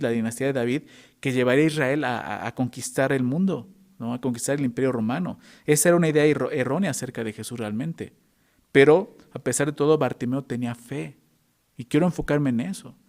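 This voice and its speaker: Pastor guy preaching, kinda gravelly, keeps asking the church questions. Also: medium pitch, a little mellow. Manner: emphatic preaching, frequent rhetorical questions to the congregation. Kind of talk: sermon.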